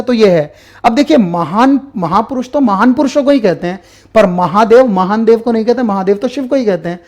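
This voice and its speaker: A man's voice: very high voice, a little mellow. A man teaching an online exam-prep grammar class while writing on a board. He explains patiently, repeats key terms and answers his own questions.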